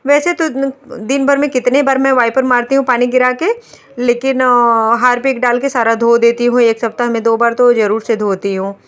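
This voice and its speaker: A woman's voice: on the high side, flat delivery, normal speed, clear, resonant tone. A woman in her thirties narrating her home vlog in a chatty, homely way, talking to viewers as friends. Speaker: vlogger, homemaker. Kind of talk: casual voice-over home vlog.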